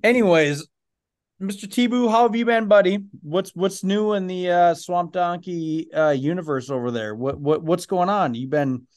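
A man's voice: high-pitched, moderate pace. A man from Canada co-hosting a podcast over a video call, joking and rambling with lots of fillers. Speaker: podcast co-host. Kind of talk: casual chat.

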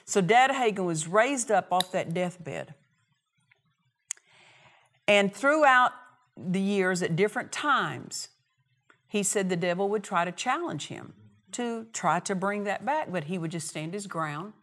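A woman preaches a sermon in a church in short, punchy phrases, speaking unhurriedly with a medium-pitched, slightly bright voice and lively intonation. She is emphatic, repeats key phrases, and acts out quoted dialogue.

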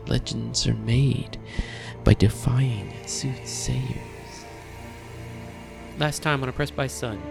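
Male narrator for a previously-on recap, dramatic storytelling read, mid-range pitch, prominent music underneath. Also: creaky. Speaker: narrator of a tabletop game show.

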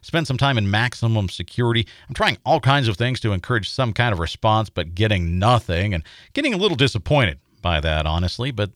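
Low-voiced American man narrating with measured suspense. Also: sing-song, a bit bright, no echo, clean studio sound. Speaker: host and narrator. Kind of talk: scripted TV feature narration of a paranormal investigation.

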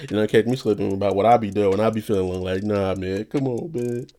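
Talking fast in a lowish, mellow, steady-toned voice, this young man delivers a rambling casual monologue full of profanity. His voice is a little nasal, and he laughs a lot.

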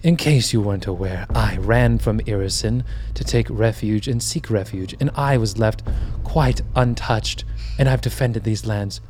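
A man game master voicing a powerful sorceress who raises the dead, speaking in a slow, echoey, dreamlike whisper that seems to come from far away. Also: on the low side, a little mellow, faint music behind, natural voice. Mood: aggrieved.

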